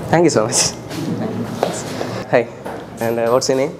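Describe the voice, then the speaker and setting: A man works a crowd outdoors as a street mentalist, guiding volunteers in a calm, coaxing tone. His voice sits at an ordinary middle pitch. Clear street noise runs behind him. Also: very slow. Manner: calm, coaxing, repeats soothing instructions. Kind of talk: street performance patter with spectators. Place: outdoors in public.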